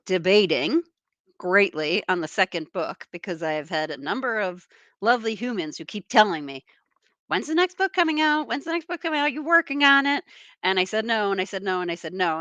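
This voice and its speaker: A woman author chatting casually as a guest, animated and candid, laughing now and then. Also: medium pitch, no room sound. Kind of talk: casual interview chat.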